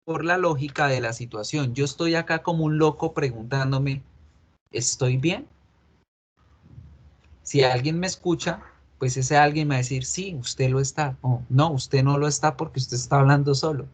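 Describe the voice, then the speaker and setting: A man teaching an English class, patiently explaining and repeating example answers slowly. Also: mid-range voice. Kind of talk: online class lecture.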